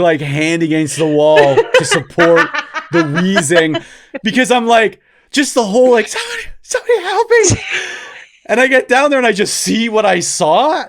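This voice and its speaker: A man in his thirties co-hosting a podcast, telling a story in a casual chat and acting out the quotes as he laughs through it. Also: high voice. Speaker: podcast co-host.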